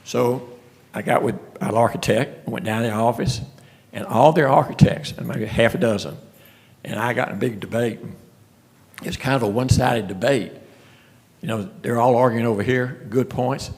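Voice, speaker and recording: Man, gravelly, folksy, rambling restarts, meeting presentation. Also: medium pitch, moderate pace, darkish tone. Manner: folksy storytelling, frequent restarts. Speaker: speaker at a city commission meeting. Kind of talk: casual presentation.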